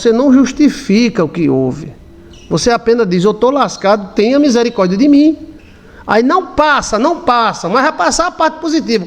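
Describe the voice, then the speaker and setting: A man's voice: sits high, vocal fry, darkish tone. A man from Brazil, a pastor, preaching bluntly in everyday words and often asking his listeners if they understand. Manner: blunt and colloquial, asks the listeners questions. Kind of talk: sermon.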